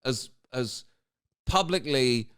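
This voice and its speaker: A man's voice: mid-range voice, animated, slow, a bit bright, smooth. A man doing comedic commentary on a video, firing off sarcastic, incredulous rhetorical questions.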